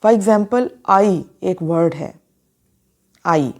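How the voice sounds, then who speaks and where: Woman teacher for a language lesson: slow, deliberate delivery, spells words out and sounds them out, soft warm tone. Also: mid-range voice, expressive, vocal fry. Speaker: English teacher. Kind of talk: explaining a phonology lesson, mixing Hindi and English.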